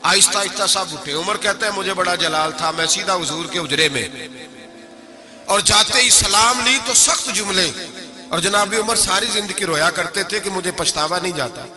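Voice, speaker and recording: A man delivers a sermon in a high voice. He tells stories dramatically, breaking into loud, urgent bursts, and lets some phrases float into a chanted, sing-song lilt. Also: soft background music. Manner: dramatic storytelling with sudden loud outbursts. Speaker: preacher.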